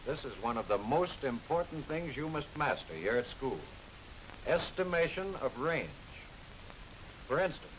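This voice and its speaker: An American man reads scripted narration for a 1940s military training film, addressing the trainee directly in a fairly bright voice. The low-quality audio has the hiss of a 1940s film soundtrack plus a rumbling noise.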